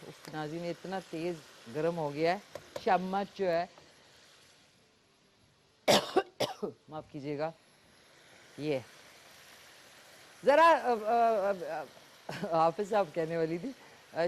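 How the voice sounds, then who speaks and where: Chatty Pakistani woman hosting a cooking show. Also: mid-range voice. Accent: Pakistani Urdu. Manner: chatty, talks while cooking, frequent fillers. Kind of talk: live cooking demonstration with callers.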